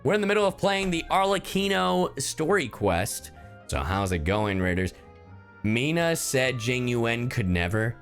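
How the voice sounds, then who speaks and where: Pitched in the mid-range, this man's voice moves through big swings and carries a fairly bright tone at a slightly slow pace. He's a streamer and professional voice actor, joking and swearing casually as he reacts to the game he's playing, with faint game music in the background.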